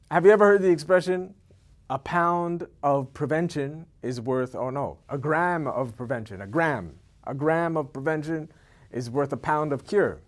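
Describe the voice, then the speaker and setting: Male, 30s, from Ethiopia, slightly high voice. Casual, rambling to-camera promo with lots of repetition and "okay?" tags. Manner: rambling, repeats words, keeps asking "okay?". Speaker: event organizer.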